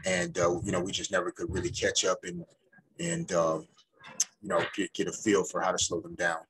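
A middle-aged man, a head coach, answers postgame press questions in a measured, thoughtful way. He often pauses to find his words, and he is recorded on a desk microphone in an indoor press room. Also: deep voice, little pitch movement, a bit bright, husky. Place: indoor press room before a sponsor backdrop. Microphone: desk microphone in front of him.

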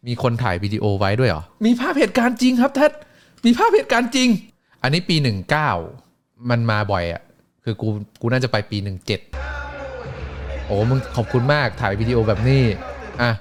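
A man's voice: medium pitch, very animated, a little fast. A man streaming, telling a story in casual chat with crude slang and acted-out voices.

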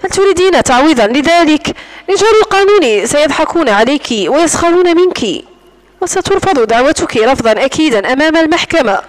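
A woman narrating an audiobook voices a domineering rich man who sneers and taunts, sounding cold, controlling and mocking while her voice stays fairly high. The delivery is animated and brisk, and the recording is rough.

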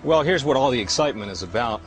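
A man's voice: medium pitch, expressive, fast, soft background music. A middle-aged man, a scientist, explaining informally in the field for a nature documentary. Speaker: paleobotanist. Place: outdoors at a rock shelter.

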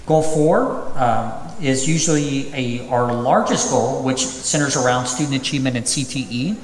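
A man in his thirties speaks at a school district public hearing, reading through items from a podium with lots of ums and uhs. His voice is medium-pitched at a normal speed, picked up by a podium microphone in a large, empty auditorium with echo and distant reverb.

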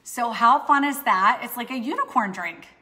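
A woman in her forties demonstrates a drink recipe live in her home kitchen, upbeat and rambling with frequent restarts. Her slightly high voice is pushed and bright, with lively intonation and a moderate pace. The distant overhead camera catches an echoey kitchen with long reverb.

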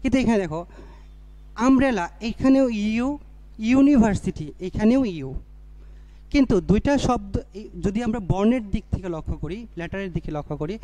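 High-voiced male teacher explaining grammar. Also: animated, normal speed, long pauses, warm tone, slight background noise. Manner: explains step by step, repeats key phrases; asks questions then answers them himself. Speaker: English teacher. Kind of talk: classroom grammar lesson.

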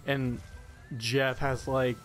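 A man's voice: mid-range voice, flat delivery, extremely slow, soft background music. A young man doing jokey, rambling let's-play commentary as channel host.

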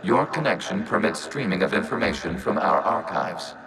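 An actor voicing a calm synthetic male machine intelligence in a video game, speaking in flat, clipped, computer-like status reports through a synthetic processed effect. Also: extremely low pitch, moderate pace, full character voice, poor audio. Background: game music.

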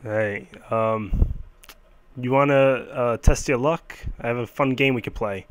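A man playing a mafia boss who threatens in a casual, halting, offhand way, in an amateur game role-play. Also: medium pitch, a little hiss or hum, natural voice. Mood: menacing. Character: casually menacing male mafia boss hunting his money.

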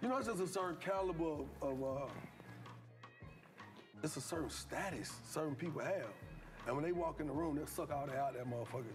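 A man's voice: a little high, fairly quick, over music. A man telling a long, profane anecdote in casual talk, laughing often. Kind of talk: casual storytelling.

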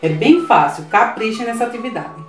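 This thirties-aged preschool teacher, Brazilian Portuguese accent, speaks fairly quickly in an expressive, somewhat high voice. Patiently walking her young class through worksheets, she repeatedly checks in with "tá certo?" Recorded by a camera across a small indoor classroom with a whiteboard, the audio is roomy, with soft music.

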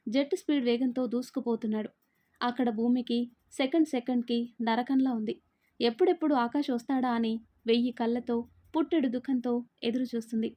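A woman's voice: a little high, warm tone. A woman storyteller giving scripted, dramatic story narration.

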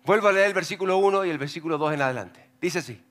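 Male pastor, high voice, lively sermon, jokes and acts out scripture voices. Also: racing, a little hiss or hum. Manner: animated, joking, acts out voices while reading scripture. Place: church.

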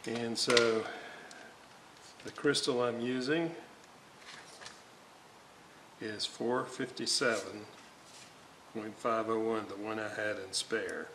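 Muttering slowly to himself, a man walks through fixing a radio at his indoor workbench, hands on the job. He has a lowish voice with fairly even intonation, set against a noisy background.

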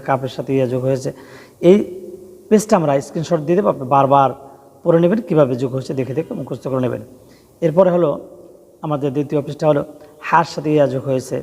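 A man teaching Quran reading, slowly spelling out Arabic letter combinations in a drilling, repetitive way. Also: mid-range voice, a little mellow, big-room sound.

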